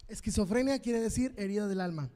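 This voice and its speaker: Fervent Mexican pastor, high voice. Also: male voice, brisk, long reverb tail. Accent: Mexican Spanish. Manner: fervent, repetitive exhortation with sudden loud and quiet swings. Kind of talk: sermon. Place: church hall.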